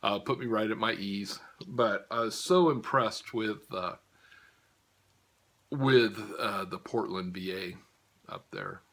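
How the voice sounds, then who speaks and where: Bright-toned older man rambling with chuckles. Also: on the low side, sing-song, takes it slowly, gravelly. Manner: rambling, chuckling often, many fillers. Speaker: vlogger giving a health update. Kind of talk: casual spoken update to viewers.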